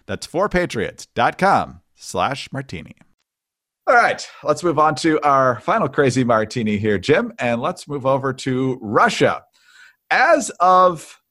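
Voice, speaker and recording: A man hosting a political talk show, briskly introducing topics and putting questions to his guest. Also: mid-range voice, fairly bright tone. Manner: brisk, conversational, leading the discussion. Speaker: podcast host. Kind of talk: casual political chat.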